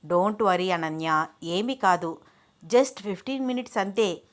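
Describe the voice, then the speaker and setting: A woman voicing a calm male surgeon who reassures his patient in a slow, soothing, lower voice. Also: lightly acted.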